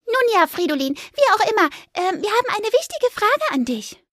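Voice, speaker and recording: A woman voicing a shy, gentle little mouse in a children's story, with a high, squeaky, timid voice. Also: sing-song, moderate pace, dry recording, studio quality, heavily acted. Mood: gentle, eager.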